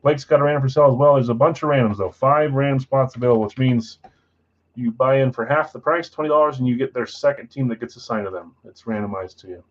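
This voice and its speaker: A man hosting a live trading card break stream talks fast, casually reading out buyers and spots. His delivery is low-key and matter-of-fact, a voice he himself describes as boring, and the recording is muffled.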